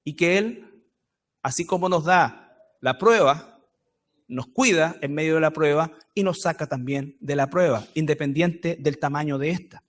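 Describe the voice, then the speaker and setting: Chilean preacher, emphatic repetition. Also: male voice, fairly high pitch, measured pace. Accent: Chilean Spanish. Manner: explanatory, repeats key phrases for emphasis. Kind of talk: Bible study sermon. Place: church.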